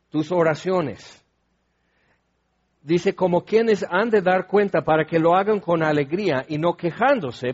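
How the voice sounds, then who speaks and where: A high-voiced man preaches a sermon. He explains scripture in a relaxed, conversational way and adds asides to his listeners. The recording sounds dull and lo-fi. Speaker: pastor.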